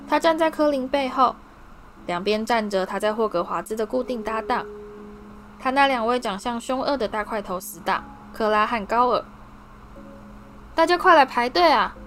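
A young adult woman narrating a storybook in a steady, expressive reading voice. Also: on the high side, normal speed, soft background music. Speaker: audiobook narrator.

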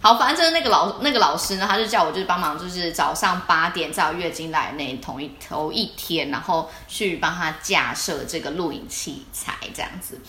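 Animated woman telling stories. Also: on the low side, fairly quick, few pauses, roomy sound, a little hiss or hum. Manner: animated storytelling with frequent laughter. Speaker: podcast co-host. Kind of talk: casual chat.

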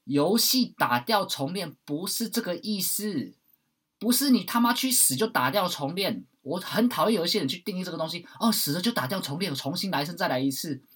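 A man giving a blunt, preachy monologue, swearing at times and swinging between loud outbursts and hushed asides. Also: high voice, expressive, a little fast, husky. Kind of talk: impassioned monologue.

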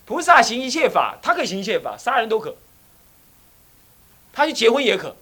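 A man's voice: extremely high pitch, brisk. A middle-aged man from Taiwan, an abbot giving a Buddhist dharma talk, telling stories vividly, acting out scoldings and asking his listeners questions. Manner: animated storytelling, acts out scolding voices, asks the listeners questions.

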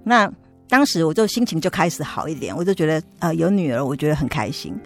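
Fast-talking Taiwanese woman telling a story. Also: low voice, soft background music. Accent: Taiwanese Mandarin. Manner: lively storytelling, acts out quoted voices. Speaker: interview guest. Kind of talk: casual testimony storytelling.

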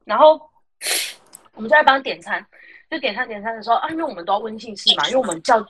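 Animated Taiwanese woman telling stories. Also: on the high side, fast talker, crowd noise. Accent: Taiwanese Mandarin. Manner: animated, acts out the voices of customers and friends. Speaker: podcast host. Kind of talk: casual storytelling chat.

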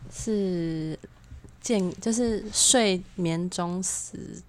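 A woman's voice: fairly low pitch, extremely slow. A woman, reacting with short questions and remarks in a casual chat. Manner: brief reactive interjections and questions.

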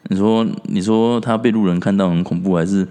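A man's voice: low-pitched, steady tone, fairly quick, mellow, smooth. A man chatting casually on a podcast, explaining things at length and often stumbling over and repeating his words. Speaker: podcast co-host.

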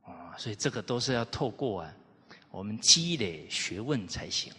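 A man lecturing on the classics, telling historical anecdotes in an animated way and putting rhetorical questions to his listeners. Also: fairly low pitch, moderate pace, slightly rough. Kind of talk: storytelling lecture. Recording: reverberant hall.

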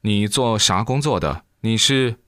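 A man's voice: on the low side, animated, unhurried, a bit bright, no room sound, clean studio sound. A man voicing a stubborn old father who scolds and refuses. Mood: suspicious. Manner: gruff, scolding. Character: stubborn old father, protective of his daughter.

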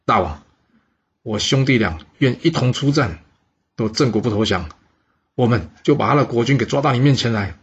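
A man voicing a husky, scheming general. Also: mid-range voice, lively intonation, normal speed, long pauses. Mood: urging. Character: cautious, scheming older brother, a general. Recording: dull lo-fi recording.

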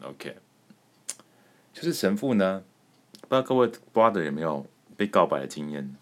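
Taiwanese male podcast host, low voice, swings widely in pitch, crude jokey chat, keeps laughing and restarting. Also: big pitch swings, moderate pace. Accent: Taiwanese Mandarin. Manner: joking and crude, laughing often, stumbling restarts.

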